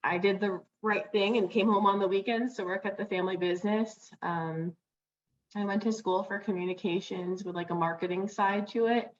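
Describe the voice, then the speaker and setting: A woman's voice: medium pitch, fairly even intonation, normal speed, muffled recording. A young adult woman, a florist guest on a video call, talking casually with many "like"s and "um"s. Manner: chatty, many fillers like "like" and "um".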